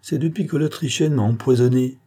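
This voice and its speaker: A man's voice: mid-range voice, a little fast, warm tone, pitched above the performer's own voice, natural voice. A man voicing a sick, bitter old male locksmith who grumbles with resentment. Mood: resentful.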